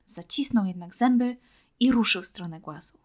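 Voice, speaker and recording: A woman narrating a storybook in a soft, hushed way, often near a whisper. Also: mid-range voice, normal speed.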